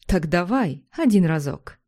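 Woman reading a wheedling charmer of a man, coaxing tone, lively pitch; storybook audio. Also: unhurried. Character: smooth-talking persuasive man.

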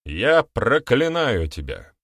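A man reading the part of a calm male sorcerer-priest who speaks evenly and solemnly. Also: on the low side, normal speed, no room sound, clean studio sound, natural voice. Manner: even and solemn.

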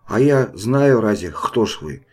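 A man's voice: fairly low pitch, lively intonation, a little slow, darkish tone. A man reading an audiobook, voicing an old peasant man whose voice trembles with fear as he placates the soldiers. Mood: fearful.

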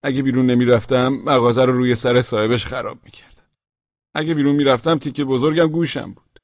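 A man's voice: mid-range voice, steady tone, dry recording, highs cut off, close to an everyday voice. A man voicing a frightened male shopkeeper who begs. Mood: pleading. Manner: pleading.

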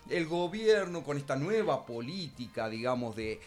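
A man's voice: medium pitch, sing-song, moderate pace, natural voice. Man as fawning, pompous Argentine pundit, rambling delivery, faint music bed; radio sketch. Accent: Argentine Spanish. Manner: rambling and pompous, full of filler tags. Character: fawning male pro-government commentator, pompous and rambling. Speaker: radio comedian. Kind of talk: improvised satirical radio sketch.

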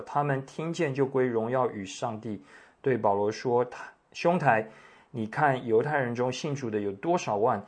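A man preaching a sermon, reading scripture in a measured, deliberate way with pauses. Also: medium pitch. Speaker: pastor. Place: church meeting room.

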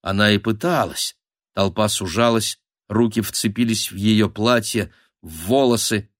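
Low-voiced male audiobook narrator. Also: unhurried, no echo, studio quality. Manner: even, dramatic storytelling. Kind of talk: scripted narration.

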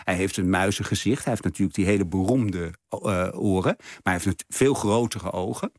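A man's voice: sits low, normal speed, dry recording, studio quality. A man guest in a radio interview, explaining with enthusiasm and plenty of fillers. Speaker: exhibition curator, guest. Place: radio studio.

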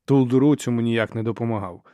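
A man narrating a fantasy audiobook in measured, even storytelling. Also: medium pitch, no echo, phone-quality sound. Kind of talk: scripted narration.

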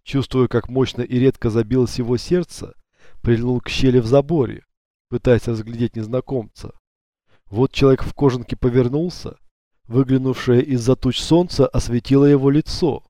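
Mellow-voiced male audiobook narrator. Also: medium pitch, fairly even intonation, moderate pace, no echo, clean studio sound.

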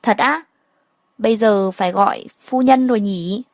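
A woman voicing a bubbly, excitable young woman friend who talks loudly and playfully, read in a storybook. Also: mid-range voice, moderate pace, no room sound, clean studio sound, lightly acted. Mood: excited. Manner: loud, exclamatory, playful.

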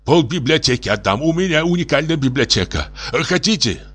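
A man voicing a drunk, distraught middle-aged professor who pleads in high, drawn-out wails. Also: expressive, fairly bright tone. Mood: hysterical.

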